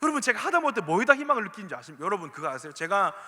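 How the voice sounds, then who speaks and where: A male pastor with a Gyeongsang accent preaching a sermon, animated and full of questions to the listeners. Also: sits high, racing. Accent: Gyeongsang dialect. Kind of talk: sermon to a youth congregation. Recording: echoey church hall reverb.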